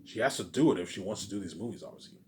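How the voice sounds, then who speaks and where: He's a man vlogging alone, pitch fairly low, talking in rapid-fire bursts over heavy background noise. The monologue is loose and unplanned, emphatic and slangy, with repeated lines and phrases that trail into tangents.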